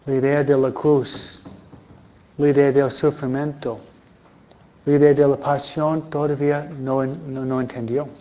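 A man's voice: medium pitch, little pitch movement, a little slow, dark tone, muffled recording. A man preaching a sermon in a conversational way, often asking his listeners questions. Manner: conversational, asks the audience questions.

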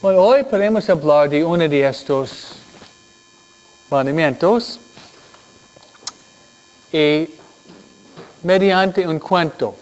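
Male children's teacher, high and lively, unhurried, lo-fi sound. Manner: animated storytelling with questions to the kids. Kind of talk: Sunday school lesson. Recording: dull lo-fi recording.

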